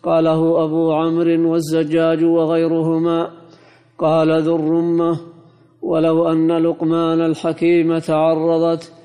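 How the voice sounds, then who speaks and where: A man reading a classical commentary aloud in a monotone, chanting recitation for a teacher. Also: fairly high pitch, measured pace, big-room sound. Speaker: student reading the text aloud.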